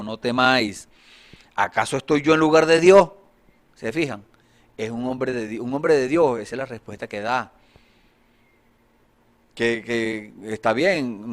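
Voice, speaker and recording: Man preaching a sermon, reading scripture. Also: mid-range voice. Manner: reads scripture loudly, explains in a quieter voice with fillers.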